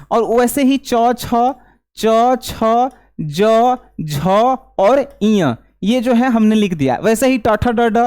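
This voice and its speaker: A young man teaches an exam-prep grammar class. He repeats each rule and keeps asking the students if they understood. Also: very high-pitched.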